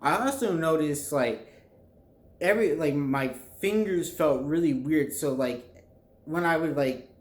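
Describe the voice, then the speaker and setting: A young man chatting casually to viewers in a halting, rambling way, often groping for words. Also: a little high. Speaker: vlogger telling a personal story. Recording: echoey, reverberant room.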